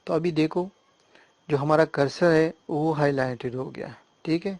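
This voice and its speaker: A man giving a screen-recorded software tutorial, explaining step by step and often checking that the listener follows. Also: fairly high pitch, dry recording. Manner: hesitant fillers and restarts while working on screen.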